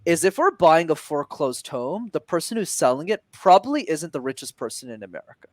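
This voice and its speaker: Young male guest, animated coaching talk, lively pitch, slightly high. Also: fairly quick, no echo. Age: young adult. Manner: animated, demonstrative, shifts energy to make points. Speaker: podcast guest, communication coach. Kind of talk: conversational interview.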